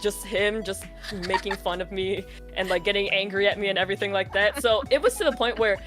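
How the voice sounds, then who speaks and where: A woman's voice: mid-range voice, fairly quick, over music. A woman streamer telling a story in casual, profane chat, acting out the scenes as she goes. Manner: profane, animated storytelling with reenactments.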